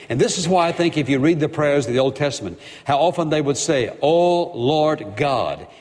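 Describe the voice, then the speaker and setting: A man's voice: fairly high pitch, big-room sound. A man preaching a sermon as pastor, with an emphatic, repetitive cadence and rhetorical questions.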